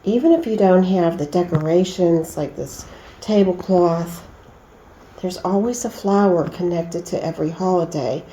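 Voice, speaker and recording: A woman's voice: lowish voice, measured pace, warm tone, echoey room, a little hiss or hum, rough recording. A middle-aged woman vlogger chatting at home in a folksy, homey way about entertaining. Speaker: lifestyle vlogger. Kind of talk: casual home chat.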